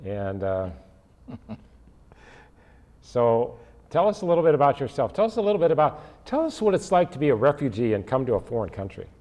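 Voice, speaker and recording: A man's voice: mid-range voice, sing-song, brisk, long pauses, darkish tone. An older man hosting a podcast interview, chatty and rambling as he asks questions. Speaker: podcast host. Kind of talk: interview conversation.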